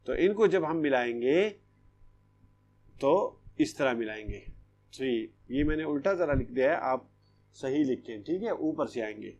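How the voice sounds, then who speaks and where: A man teaching a primary school Urdu writing lesson in an online class, slow and patient, repeating each step and checking that the children follow. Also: on the high side, a little mellow. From Pakistan.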